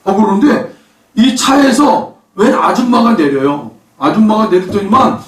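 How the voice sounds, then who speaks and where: A man's voice: high voice, lively intonation, normal speed. A male pastor preaching a sermon, emphatic, with rhetorical questions and bursts of raised voice. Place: church sanctuary. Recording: echoey church hall from far off.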